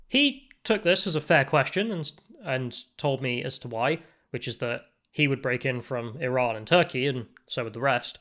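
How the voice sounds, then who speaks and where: A man's voice: medium pitch, fairly bright tone. A man from the UK, a travel vlogger, thinking aloud in reflective commentary with restarts and asides while riding in a car. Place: inside a moving car.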